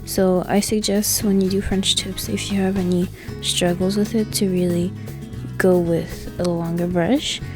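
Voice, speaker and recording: A woman's voice: medium pitch, steady tone, measured pace. A young woman giving a casual, chatty tutorial voice-over, her speech slightly impeded by a swollen mouth, with music behind her. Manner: informal, chatty, filler-heavy with "like". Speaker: nail technician giving a tutorial. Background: background music.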